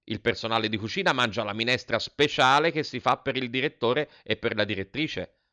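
A man's voice: medium pitch, fairly quick, pushed and bright, natural voice. Man doing a blunt, coarse school cook. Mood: explaining. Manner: blunt, scolding. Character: coarse, cynical middle-aged male school cook.

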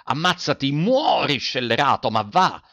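A man voicing a desperate, fierce army captain who shouts urgent commands during a siege, on a dull, dry recording. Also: fairly low pitch, a little slow, no echo. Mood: frantic urging.

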